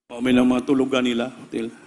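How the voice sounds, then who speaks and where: A male preacher telling a story in a sermon, acting out the voices of the people in it and rising to shouts. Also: mid-range voice, completely flat delivery, fast, big-room sound.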